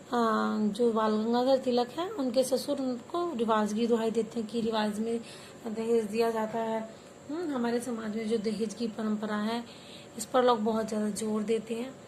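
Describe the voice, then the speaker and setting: Lady teacher walking little kids through hindi words, makes em repeat after her, slightly high voice, bit of hiss. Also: moderate pace, darkish tone, rough recording. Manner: patient, repeats words for children to say along. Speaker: primary school teacher. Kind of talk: online Hindi class for children.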